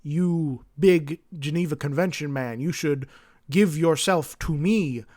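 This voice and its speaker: A man voicing a huge male chaos god who coaxes a fallen hero in a slow, drawn-out way. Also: fairly high pitch, darkish tone. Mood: coaxing.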